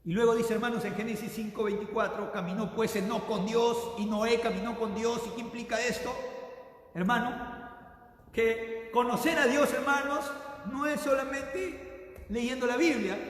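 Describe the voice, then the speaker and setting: A man preaching a sermon as pastor, swinging between loud bursts and hushed drops, often calling out to his brothers in the congregation. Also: very high-pitched, fairly even intonation, moderate pace. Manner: repeatedly addresses the congregation as brothers. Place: church sanctuary. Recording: very echoey hall with long reverb.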